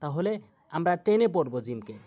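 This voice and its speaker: A man's voice: on the high side, very animated, warm tone. Man teaching Quran pronunciation in Bengali-accented speech. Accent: Bangladeshi Bengali. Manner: explains pronunciation step by step, repeats sounds slowly. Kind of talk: Quran recitation lesson.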